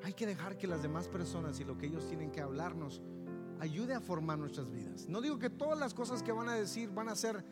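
A man's voice: high-pitched, brisk. A man with a Mexican accent preaching a sermon as pastor, often asking his congregation "yes or no?". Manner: lively, asks the congregation "¿sí o no?". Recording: reverberant hall with faint music.

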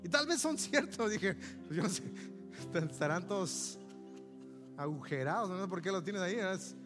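A man's voice: sits high, moderate pace. A man with a Mexican accent preaching a sermon as pastor, often asking his congregation "yes or no?". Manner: lively, asks the congregation "¿sí o no?". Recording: reverberant hall with faint music.

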